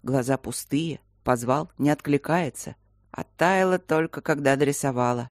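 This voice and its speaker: Woman doing a slow, worried older man. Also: rumbling low, a little mellow, no echo, clean studio sound, voice pushed down. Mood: concerned.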